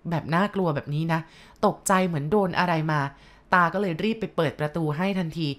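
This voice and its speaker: A woman narrating a ghost story in a loose, conversational way, slipping in asides to her listeners. Her voice sits on the low side for a woman. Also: fairly quick.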